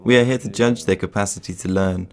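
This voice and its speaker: A man reading documentary voice-over translations in a calm, plain manner. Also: low voice, quick pace.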